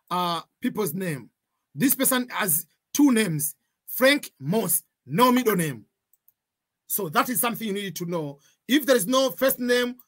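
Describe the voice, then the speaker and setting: Man, 40s, webcam tutorial, husky voice, patient repeating explainer. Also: high voice, a bit bright. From Tanzania. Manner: repeats points, gives examples, cautionary tone. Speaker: online tutor. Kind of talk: screen-share tutorial.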